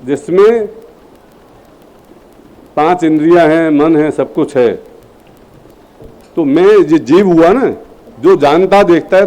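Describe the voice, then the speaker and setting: High-pitched guy teaching a class, warm darkish tone, keeps quizzing students, lively and pushy. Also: rough recording. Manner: lively, prodding, demonstrates phrasing aloud. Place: classroom at a training camp.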